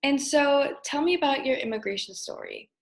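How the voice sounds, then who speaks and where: A woman's voice: high voice, wildly swooping pitch, normal speed, vocal fry, poor audio. A woman interviewer asking short, prompting questions.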